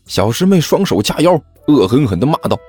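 A man narrating a serialized novel in a lively storytelling manner. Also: medium pitch, brisk, breathy edge, faint music behind.

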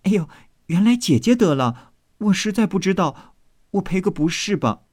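A man reading aloud voices an eager young maidservant girl who chatters brightly and apologizes quickly, in a storybook reading. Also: sits high, sing-song, no echo, clean studio sound, pitched above the performer's own voice.

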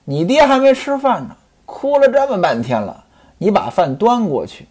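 Brief: a stern, sharp-tongued head wife, sarcastic and scolding, lively pitch, voiced by a storyteller. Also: normal speed, husky.

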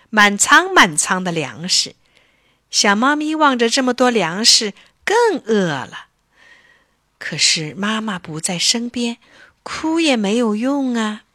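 一位女士以富有表现力、从容的语气讲述儿童故事。. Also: female voice, fairly high pitch, dry recording, clean studio sound. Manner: expressive, deliberate. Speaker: storyteller. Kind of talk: children's story narration.

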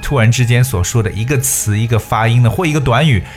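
A man's voice: medium pitch, quick pace, darkish tone, soft background music. A man hosting an English lesson for Chinese listeners, mixing English and Chinese and spelling words out letter by letter. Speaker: host.

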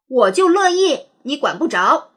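A woman voicing an angry young schoolboy who shouts defiantly in a storybook reading. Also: high-pitched, big pitch swings, a little slow, pitched above the performer's own voice, exaggerated voice. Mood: defiant shouting. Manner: loud and defiant.

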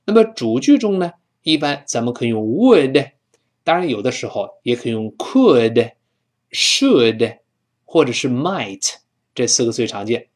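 Man, Mandarin native, English teacher, lively pitch, slow repeated sound drills. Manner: repeats sounds over and over for students to copy; fillers and restarts when explaining. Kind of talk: English pronunciation lesson.

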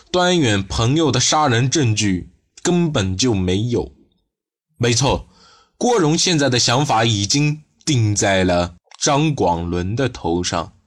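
Guy narrating a crime audiobook, steady, normal pitch. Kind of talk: scripted narration.

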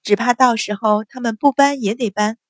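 A woman voicing a cool, scheming young noblewoman who speaks in a mocking, unhurried way. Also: on the high side, steady tone, no room sound, clean studio sound, close to an everyday voice.

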